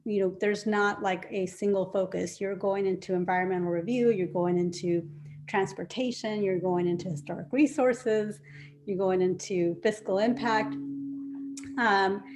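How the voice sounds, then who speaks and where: A woman's voice: mid-range voice, darkish tone. A woman, the incoming community development director, speaking earnestly at a meeting with many fillers and restarts. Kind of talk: informal remarks at a meeting.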